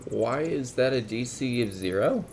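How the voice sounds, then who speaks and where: A man runs a tabletop game in a calm, matter-of-fact way. His voice carries a gravelly fry. A faint hiss sits behind him. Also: mid-range voice, a little slow. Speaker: dungeon master.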